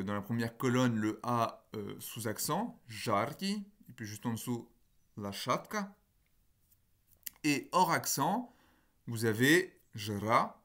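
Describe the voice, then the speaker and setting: A man giving a phonology lecture in a patient, explanatory way. He hesitates with fillers, corrects himself, and slows down to spell out example words. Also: mid-range voice, a bit bright. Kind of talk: recorded university lecture.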